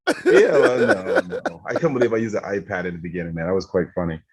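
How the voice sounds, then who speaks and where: Laid-back man from Barbados, low voice. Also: big pitch swings, fast, a crowd in the background. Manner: laid-back, laughs often, says "man" a lot. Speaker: streamer guest. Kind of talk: casual interview chat.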